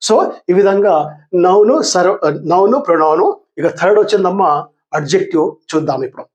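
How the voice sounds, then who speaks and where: Older man, high voice, grammar teacher, patient, repetitive, slow deliberate definitions. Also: a little mellow, lo-fi sound. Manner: patient, repeats terms and asks the class questions, calls students dear; reads English definitions very slowly and deliberately. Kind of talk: grammar lesson.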